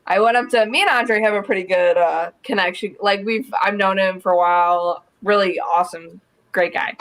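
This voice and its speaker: A woman's voice: mid-range voice, steady tone, moderate pace, fairly bright tone, low-quality recording. A woman guest on a sports podcast, chatting and telling stories in a bubbly way. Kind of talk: casual sports chat.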